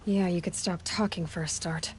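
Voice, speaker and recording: A woman's voice: on the low side, steady tone, moderate pace, a little mellow, slight background noise, natural voice. A woman playing a wry, direct young tracker in a video game, speaking in a matter-of-fact, dry way. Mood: dry impatience. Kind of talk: video game dialogue acting.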